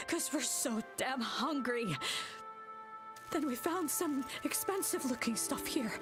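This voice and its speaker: A desperate young scavenger begs and explains herself in a high, street-rough voice, played by a woman. She sounds worn down and hungry. A clear game soundtrack plays behind her. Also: lightly acted.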